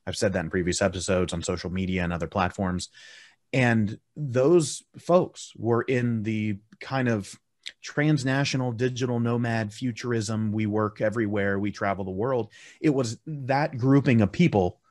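A man's voice: on the low side, moderate pace, a little mellow, dry recording, studio quality. A man hosting an interview podcast, asking long, chatty questions that wander into tangents. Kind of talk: casual interview.

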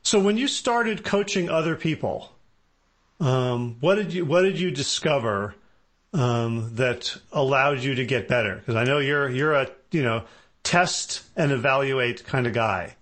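A man's voice: mid-range voice, unhurried, fairly bright tone. Friendly male podcast host asking questions. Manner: friendly, joking, brief questions. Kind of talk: conversational interview.

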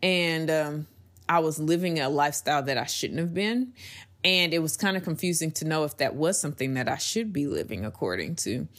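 A woman's voice: low-pitched, expressive, a little fast. A woman hosting a faith-based podcast, talking earnestly in a rambling, personal way with frequent restarts. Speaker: podcast host.

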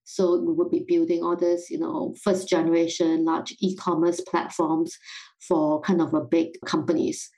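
A woman's voice: on the low side, flat delivery, normal speed, dark tone, low-quality recording. A middle-aged woman from Singapore with a Singaporean-British accent, speaking thoughtfully as a guest in a podcast interview. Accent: Singaporean English with some British. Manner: thoughtful, self-reflective, laughs lightly. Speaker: guest, company founder.

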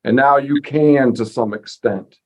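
A man's voice: mid-range voice, unhurried, low-quality recording. A man hosting a casual interview in a folksy, self-deprecating way, thinking aloud as he asks his questions. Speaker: podcast host.

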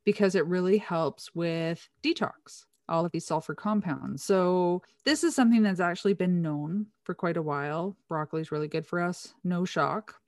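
A woman's voice: lowish voice, moderate pace, hardly any pauses, darkish tone, no room sound, clean studio sound. A woman co-hosting a casual science chat, eagerly explaining nutrition research in detail.

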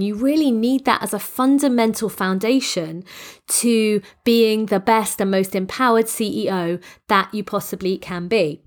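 A woman hosting a solo coaching podcast in an earnest, emphatic way, with a congested, slightly croaky, stuffy-nosed voice. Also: a little high. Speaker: podcast host and business coach.

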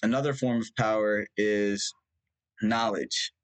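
A young Punjabi-speaking man from India talks in a lowish, steady, smooth voice, unhurried throughout. As a guest in a reflective personal conversation, he thinks aloud about his past, meandering with fillers and restarts.

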